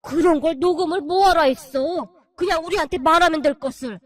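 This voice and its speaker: Woman doing a shouting old father-in-law. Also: very high-pitched, moderate pace, no echo. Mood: angry. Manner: shouting, demanding. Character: angry older father-in-law, loud and blunt. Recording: faint music behind.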